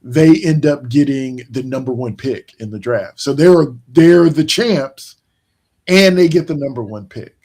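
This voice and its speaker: Mellow-voiced man talking sports. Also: medium pitch. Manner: rambling, many restarts and fillers, slow emphatic points. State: yawning, tired. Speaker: podcast host. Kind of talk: casual sports chat.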